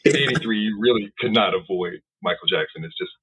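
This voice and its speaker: A man hosting a podcast interview, relaxed and encouraging toward his guest. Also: lowish voice, fast, crowd noise. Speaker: podcast host. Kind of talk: casual interview. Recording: husky voice over a tinny phone-like line.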